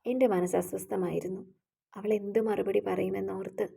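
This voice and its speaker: A woman reading a romantic audio story aloud in steady storytelling narration. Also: mid-range voice, moderate pace, creaky, slightly rough. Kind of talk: scripted narration.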